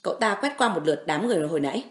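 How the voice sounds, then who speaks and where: A woman narrating a romance audiobook in a steady, expressive storytelling voice. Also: lowish voice, rapid-fire.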